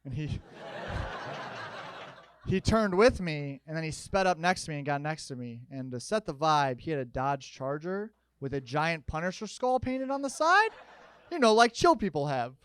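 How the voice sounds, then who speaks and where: Stand-up comic, young man, slightly high voice, energetic storyteller with sudden loud outbursts. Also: moderate pace, smooth. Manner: animated storytelling, jumping to loud shouted bits. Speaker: stand-up comedian. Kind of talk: stand-up comedy set. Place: comedy stage with audience.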